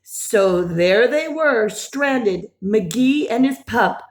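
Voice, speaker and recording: A woman with a slightly high voice reads a picture book to young kids very slowly. Her storytelling is animated and expressive, punctuated by simple questions, gasps and exclamations.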